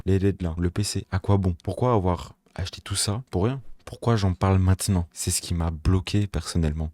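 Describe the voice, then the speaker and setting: Deep-voiced young man, emphatic pep talk. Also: mellow, dry recording, studio quality. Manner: direct, addresses the viewer as "tu", repetitive and emphatic. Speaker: YouTuber giving motivational advice. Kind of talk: casual motivational talk to camera. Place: small home recording setup. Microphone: microphone close to the mouth.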